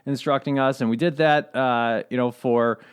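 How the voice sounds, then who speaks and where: A middle-aged man co-hosting a podcast, chatting in a relaxed way and laughing easily. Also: medium pitch, moderate pace, clear, resonant tone. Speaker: podcast co-host. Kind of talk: casual conversational podcast.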